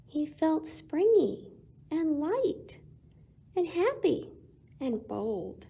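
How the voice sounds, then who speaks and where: At storytime, a woman whose voice sits high and creaky reads a picture book aloud to children, full of expression and dramatic pauses.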